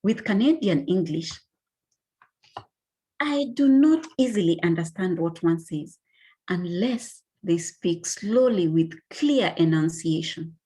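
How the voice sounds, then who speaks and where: A woman from Kenya with a Kenyan accent, reading a personal narrative as a conference panelist in a measured, deliberate way. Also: mid-range voice, dark tone, husky.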